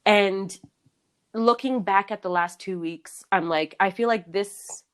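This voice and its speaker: A woman's voice: mid-range voice, takes it slowly, clear, resonant tone. A young woman co-hosting a podcast, talking candidly and with lots of laughter, restarts and fillers. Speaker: podcast co-host. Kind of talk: casual chat.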